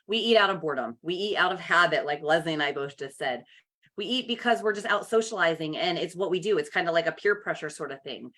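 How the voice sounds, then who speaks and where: A woman's voice: lowish voice, bright, forceful tone. A woman hosting a live coaching call over video, chatty and upbeat, greeting viewers by name. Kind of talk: casual live coaching chat.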